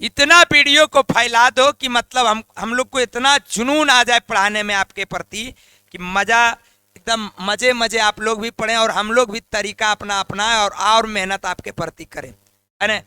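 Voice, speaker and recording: High, bright-voiced man teaching grammar. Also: fairly even intonation, measured pace, clean tone, dry recording. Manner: repeats key terms and prompts students to say them back; colloquial, addresses viewers as lions and lionesses. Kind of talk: exam-prep grammar lesson.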